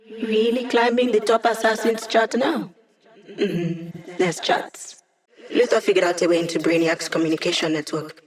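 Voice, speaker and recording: A woman's voice: lowish voice, natural voice. A woman playing an upbeat, wry young female hacker living as data, giving casual, teasing mission support in a video game. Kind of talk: video game voice lines over comms.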